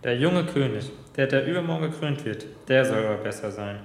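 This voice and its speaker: A man's voice: medium pitch, lively intonation, brisk, echoey room, long reverb tail, natural voice. Man playing a bitter weary prisoner. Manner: bitter, resigned.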